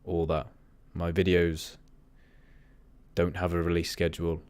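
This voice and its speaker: Low-voiced guy streaming, monotone casual chat, keeps rambling, dry sound. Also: a little slow, clear, resonant tone, no echo. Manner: rambling, easily sidetracked. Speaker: livestream host.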